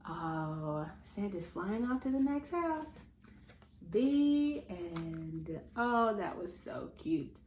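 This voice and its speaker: Drawing out her words in a mid-range voice, an American woman reads a story aloud to young listeners and talks straight to them. Her reading is playful and theatrical, with exaggerated silly sound words. The recording has a roomy echo and light background noise.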